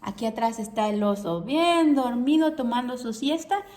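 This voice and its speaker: A woman teacher reading a picture book aloud to children, animated and asking them questions along the way. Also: fairly high pitch, normal speed. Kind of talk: storybook read-aloud for children.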